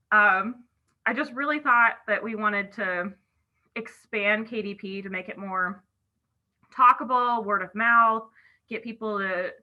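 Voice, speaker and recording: A very bright, sharp-toned woman speaks over a dull, lo-fi video call line. She leads an online meeting in a chatty way, full of "I feel like" asides, with a cough drop in her mouth. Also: mid-range voice. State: talking around a cough drop. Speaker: chapter officer leading a meeting. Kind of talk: casual online meeting talk.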